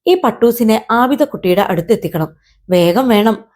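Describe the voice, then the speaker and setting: A woman voicing a kindly, fatherly old moon uncle in a children's storybook reading, speaking softly and affectionately. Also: a little high, animated, normal speed. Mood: urging. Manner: soft, affectionate and coaxing.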